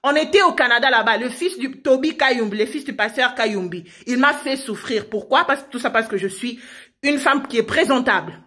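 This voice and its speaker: A young woman in her twenties speaks in a notably high voice, pleading insistently with her listeners. She piles up rhetorical questions, repeats herself and trips over restarts as she presses her case. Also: normal speed, bright, forceful tone. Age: 20s. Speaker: provincial deputy denouncing her parents. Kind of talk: impassioned public appeal.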